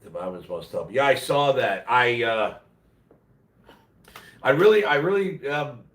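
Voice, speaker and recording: A man's voice: mid-range voice, animated, a little slow, fairly bright tone. A man hosting a casual livestream from home, talking bluntly and slangily in a congested, nasal, worn-out voice while under the weather. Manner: blunt, slangy, plain-spoken. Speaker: live stream host. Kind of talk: casual rambling livestream chat. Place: at home, roomy-sounding indoor space. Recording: echoey room, distant mic.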